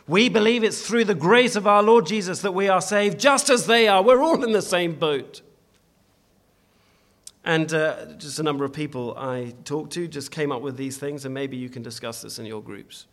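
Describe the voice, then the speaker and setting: A man's voice: a little high, fairly bright tone. A man preaching a sermon in a church, earnest and emphatic, often restarting his phrases as he exhorts the congregation.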